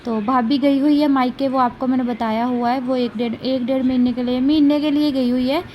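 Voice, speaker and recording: High-voiced chatty woman vlogger. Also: steady tone, fairly quick, darkish tone, a little hiss or hum. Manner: talkative, rambling, frequent tag questions. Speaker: vlogger, mother. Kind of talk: casual chatty daily vlog. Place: at home.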